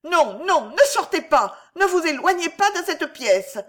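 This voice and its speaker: A woman's voice: high-pitched, animated, takes it slowly, voice pushed up. A woman voicing a frightened young woman in love, pleading and breathless, in an audiobook reading. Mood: pleading panicked. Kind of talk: audiobook character voice.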